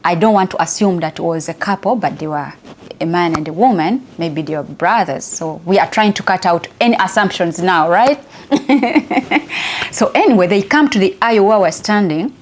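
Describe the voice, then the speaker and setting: A middle-aged woman from Uganda with a Ugandan accent, telling a personal story as an inspirational speaker, chatty and quick to laugh. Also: fairly low pitch, slight background noise. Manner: chatty, laughs often, lively.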